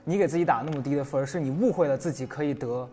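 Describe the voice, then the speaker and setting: Male co-host, high voice, earnest and playful, casual chat in a hall with faint music. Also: very fast, mellow, slightly rough. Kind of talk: casual chat over a meal.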